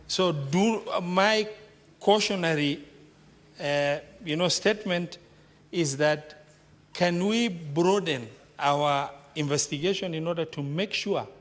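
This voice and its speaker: A man with a Kenyan accent, a senator putting questions formally in parliament, with halting, deliberate phrasing. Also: fairly high pitch. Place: large parliamentary chamber. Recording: reverberant hall with faint background noise.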